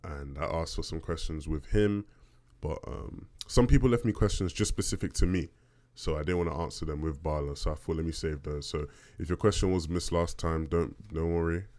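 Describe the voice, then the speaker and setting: Casting: male podcast host, deep low bass, casual solo question-and-answer delivery, conversational. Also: brisk, few pauses, a little mellow. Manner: conversational, checks in with "right?".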